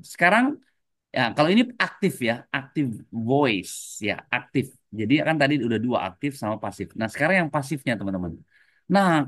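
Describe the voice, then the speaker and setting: A man's voice: medium pitch, no room sound. A man teaching an English lesson to adult learners online, explaining in a mix of two languages and tagging nearly every phrase with a casual "ya". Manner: explains in mixed English and Indonesian, tags phrases with "ya"; repeatedly addresses the class as friends. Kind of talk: online class lecture.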